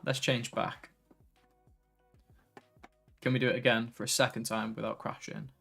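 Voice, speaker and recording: A man talking through a relaxed evening tech livestream, his voice slightly gravelly and worn from a long day. He wanders from topic to topic and reads out viewer messages. Faint music plays quietly underneath. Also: medium pitch, normal speed. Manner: relaxed, tired, easily sidetracked, reads chat aloud. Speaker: tech streamer. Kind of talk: casual live stream chat.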